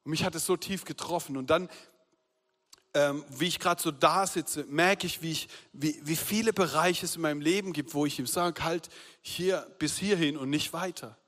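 Male pastor, mid-high voice, earnest sermon, soft-to-loud swings, long church-hall reverb. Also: moderate pace. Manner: earnest, shifts between loud appeals and soft hushed confession.

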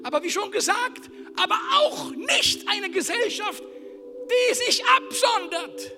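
A man preaching a sermon as pastor of his church, emphatic, swinging from shouted lines down to hushed whispers. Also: very high-pitched, expressive, takes it slowly. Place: church service. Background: music.

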